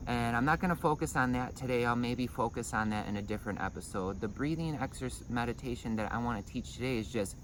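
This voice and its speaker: A man's voice: mid-range voice, fast, few pauses, background noise. A man giving an informal breathing and meditation lesson, explaining in hesitant phrases with repeated words. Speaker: breathing meditation and Qigong instructor.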